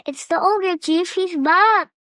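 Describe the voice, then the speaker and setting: A woman voicing a small, brave village boy who yells eagerly. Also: very high-pitched, slow pace, no echo, studio quality, pitched above the performer's own voice, heavily acted. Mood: urgent. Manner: eager, yelling up.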